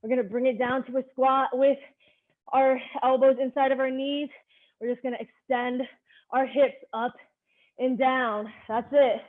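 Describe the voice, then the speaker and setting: A woman's voice: sits high, flat delivery, a little slow. A woman leading a live online workout class, giving directive, short cues and counts as a fitness instructor. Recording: narrow phone-like sound.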